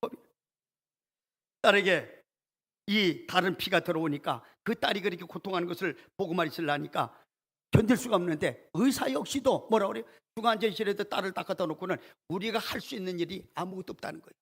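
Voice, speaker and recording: A man's voice: high voice, brisk, fairly bright tone, husky. A male pastor preaching a Sunday sermon in a church, telling a story and acting out the prayers in it. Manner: storytelling, acts out quoted prayers with rising intensity. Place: church sanctuary.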